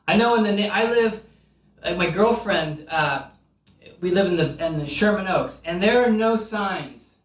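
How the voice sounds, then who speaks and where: Middle-aged male comic host, high-pitched, profane and rambling, mock-serious, recorded in an echoey room. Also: unhurried, distant mic, a little hiss or hum. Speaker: comedian host. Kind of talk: comedic monologue.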